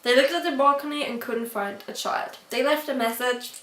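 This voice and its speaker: A woman with a high, light voice tells a story to her camera, chatty and quick to laugh between sentences. She stops now and then to check how she pronounces a word. She sits back from the mic, and her voice carries the echo of a roomy space. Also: fairly even intonation, a bit bright, distant mic. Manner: checks her own pronunciation aloud. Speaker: vlogger. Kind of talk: storytime vlog.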